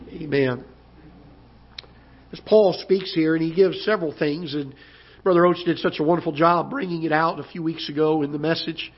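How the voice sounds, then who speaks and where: Heard through a dull, lo-fi church broadcast, a pastor with a hoarse, recovering voice that sits a little high delivers a sermon in a church auditorium. He halts and repeats words, then rises as he preaches.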